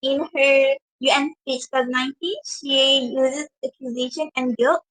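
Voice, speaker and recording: A woman's voice: sits high, steady tone, normal speed, fairly bright tone, no room sound, low-quality recording. A young woman presenting her part of a university class talk, reading notes with many fillers and restarted words. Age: young adult.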